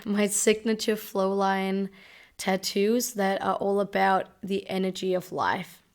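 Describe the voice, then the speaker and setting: A woman in her twenties from Denmark, hosting a podcast and talking in a gentle, reflective way. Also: mid-range voice, smooth. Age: 20s. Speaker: podcast host. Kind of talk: casual solo podcast talk.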